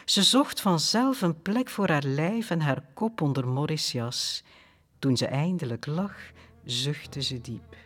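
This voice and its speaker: A man narrating a children's story audiobook in a calm, expressive storytelling manner. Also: a little high, takes it slowly.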